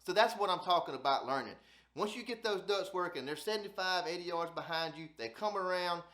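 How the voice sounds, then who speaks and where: A man with a Southern accent from Alabama talks in a slightly high-pitched voice. He teaches like a down-home channel host, casual and folksy, often doubling words for emphasis. The recording is noticeably echoey. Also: fairly quick, a bit bright. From South Alabama, United States. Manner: folksy, repeats phrases for emphasis. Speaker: host of a duck hunting channel. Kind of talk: casual instructional talk.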